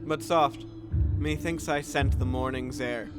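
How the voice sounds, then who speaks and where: A man playing the solemn, tormented ghost of a murdered king in a Shakespearean audio drama, speaking gravely and declaiming with drawn-out words. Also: mid-range voice, steady tone, lightly acted. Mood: mournful, bitter. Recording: music under the voice. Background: music.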